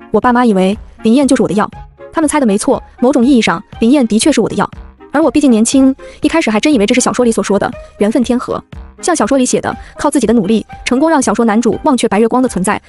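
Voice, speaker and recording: A woman narrating a web novel in a brisk, fast first-person telling, over background music. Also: on the high side, darkish tone.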